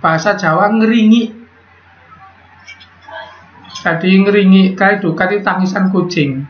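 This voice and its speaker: A man's voice: high-pitched, measured pace, slight background noise. A man teaching a biology class in a chatty lecture style, quizzing students and joking as he explains. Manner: chatty, asks students questions, jokes. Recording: echoey room, dull lo-fi sound.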